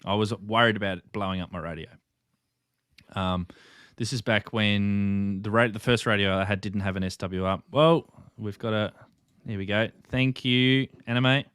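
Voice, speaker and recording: A man's voice: lowish voice, fairly even intonation, moderate pace, fairly bright tone, clear, resonant tone, no room sound, clean studio sound. A man co-hosting a ham radio livestream, chatting casually, chuckling often and reading viewer comments aloud. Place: home room at night.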